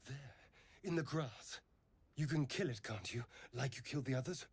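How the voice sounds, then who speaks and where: An actor playing a sly, arrogant male elf rogue in a video game, with a husky, mocking drawl. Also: medium pitch, moderate pace, dry recording. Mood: urgent, wheedling. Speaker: game companion.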